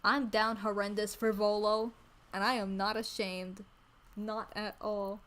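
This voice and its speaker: A woman chatting casually on a livestream in a cute anime-streamer manner, gushing and excitable, repeating phrases for emphasis. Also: mid-range voice, a little slow. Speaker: VTuber streamer introducing themself. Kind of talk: casual livestream chat about games.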